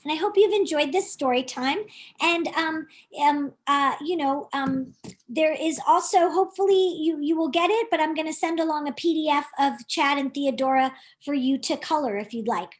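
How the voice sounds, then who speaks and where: In this animated storytime, a woman with a high voice and moderate pace narrates a children's book she wrote herself. She reads expressively and keeps turning to young listeners with questions.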